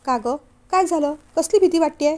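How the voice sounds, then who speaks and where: A woman's voice: sits high, normal speed, a little mellow, lightly acted. A woman reading a young man's lines in a family novel, firm and earnest. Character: young man, firm devoted son, steady.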